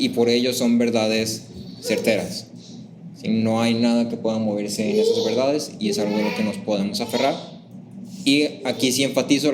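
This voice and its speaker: A man leading a church class at a middle pitch, talking easily and asking his listeners questions. He breaks into higher, livelier voices to act out things people say. A faint hiss sits under his voice. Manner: lively, acts out sample phrases in raised voices; conversational, asks the class questions.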